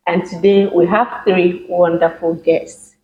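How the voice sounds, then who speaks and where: A host opening a casual talk show and asking the guests questions in a plain, steady way. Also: mid-range voice, unhurried, reverberant, phone-quality sound, a little hiss or hum.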